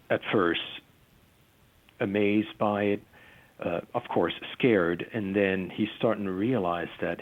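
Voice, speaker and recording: A man working as a UFO field investigator, recounting a case in an interview, halting with many fillers and restarts, and losing his voice. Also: low voice. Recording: tinny phone-line call-in.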